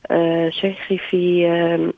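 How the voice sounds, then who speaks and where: A woman's voice: lowish voice, flat delivery, unhurried, gravelly. A woman calls in over the phone to ask a religious question, hesitant and full of fillers and restarts. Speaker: caller. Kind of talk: call-in question to a religious show. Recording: dry, phone-like line.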